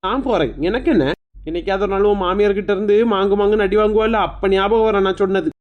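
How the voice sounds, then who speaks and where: A woman's voice: mid-range voice, steady tone, fast, highs cut off, slight background noise, pitched below the performer's own voice, natural voice. A woman with a Kanyakumari Tamil accent voicing a blunt older neighbor woman who scolds a young husband. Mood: scolding. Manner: blunt, chiding.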